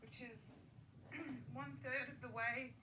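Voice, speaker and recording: A woman speaks slowly and thoughtfully, sounding sore and worn out, her voice a little high. She is heard through a laptop speaker with a handheld mic held up to it, so the sound is distant, roomy and noisy. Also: fairly even intonation. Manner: slow, measured, reflective. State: physically exhausted and sore. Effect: played back through a laptop speaker. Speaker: artist in residence. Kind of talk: daily live broadcast address. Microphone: microphone held up to a computer speaker.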